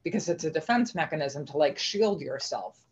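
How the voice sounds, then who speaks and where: A woman's voice: sits low, expressive, brisk, slightly rough. Earnest middle-aged woman on a dull line. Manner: earnest, reflective, many restarts. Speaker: guest. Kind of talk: casual conversational interview. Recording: dull lo-fi remote audio.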